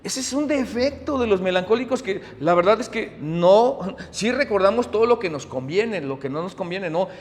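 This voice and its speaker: Middle-aged pastor, high-pitched and animated, preaching in a reverberant hall. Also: male voice, moderate pace, hardly any pauses. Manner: animated, swings from loud emphasis to hushed asides. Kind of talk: sermon.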